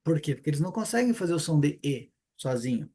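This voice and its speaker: A man's voice: fairly high pitch, big pitch swings, fast, dark tone, breathy edge. Chatty Brazilian man teaching a class. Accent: Brazilian Portuguese, southern (Paraná). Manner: chatty, informal, rhetorical questions and frequent "né?". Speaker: Hebrew teacher. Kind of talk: casual online class lecture.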